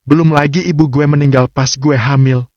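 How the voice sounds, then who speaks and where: Casting: a man putting on a teasing young wife, raised falsetto, lo-fi dry sound. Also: steady tone, normal speed, darkish tone, no echo, close to an everyday voice. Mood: chatty. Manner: bubbly, slangy, teasing. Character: young woman, playful wife, sassy. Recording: dull lo-fi dry recording.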